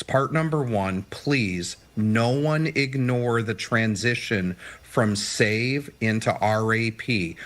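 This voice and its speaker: A man's voice: mid-range voice, a bit bright. Emphatic financial planner man on TV. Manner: emphatic, upbeat advice-giving. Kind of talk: TV news interview. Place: TV studio or remote video link.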